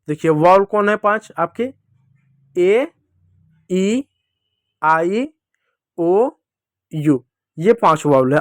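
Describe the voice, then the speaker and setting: High-voiced man teaching phonics to children. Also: dry recording, clean studio sound. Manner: repetitive, asks and answers own questions. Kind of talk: classroom phonics lesson.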